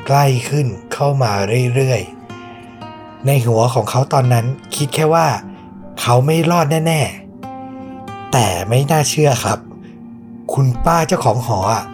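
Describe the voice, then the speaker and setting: A man's voice: mid-range voice, lively intonation, slow, long pauses, a little mellow, soft background music. A man hosting a podcast, telling a true ghost story in a suspenseful, conversational way. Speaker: podcast host.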